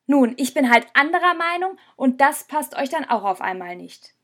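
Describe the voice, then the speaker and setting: Brief: resentful young man, quietly bitter; female narrator voices him, slightly high. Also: very animated, normal speed. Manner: resentful, reproachful. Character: hurt, bitter young man leaving his friends. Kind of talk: audiobook character voice.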